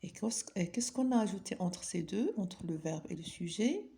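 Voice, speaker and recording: This French teacher speaks in a lowish, creaky, dark-toned voice that is expressive and moderately paced. During her grammar lesson she patiently quizzes her pupils, then supplies the answers on her own.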